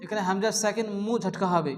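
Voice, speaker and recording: A man teaching Quran recitation, chanting verses slowly and melodically between quick spoken explanations of pronunciation rules. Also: high voice. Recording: long reverb with faint music underneath.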